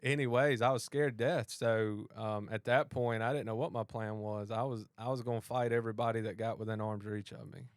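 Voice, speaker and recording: Here a man with a fairly low voice talks a little fast, hardly pausing, in clean studio sound without echo. He hosts a podcast and works as a police officer, and he tells a personal story conversationally, acting out each side of the exchange with animation.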